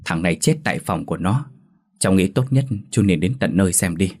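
A man's voice: low-pitched, expressive, fairly quick, darkish tone. A man voicing a panicked young village man who stammers and is out of breath.

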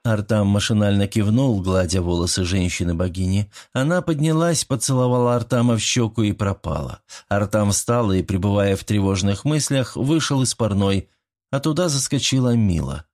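Steady male audiobook narrator. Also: lowish voice, normal speed. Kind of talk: scripted narration.

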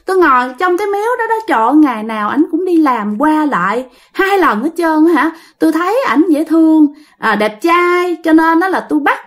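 Woman doing a lovesick female shrine ghost, mincing, affected, very high. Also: expressive, fairly quick, hardly any pauses. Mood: coy.

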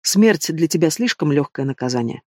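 A man's voice: on the high side, lively intonation, moderate pace, warm tone, dry recording, clean studio sound. A man voicing a desperate, fierce young dragon-shifter in an audiobook, speaking urgently. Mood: menacing. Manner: urgent, whispering then roaring. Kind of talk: audiobook reading.

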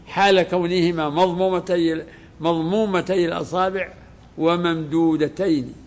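Explaining a legal text to a class, a man who is a religious scholar speaks with a higher-leaning voice. He takes a deliberate pace and goes back over phrases as he teaches.

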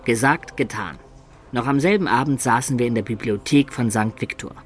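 In a German radio play, an actor voices a young male adventurer narrating his tale in a matter-of-fact way, moving between narration and dialogue. His natural, mid-range voice is fairly bright at a moderate pace, with faint music behind.

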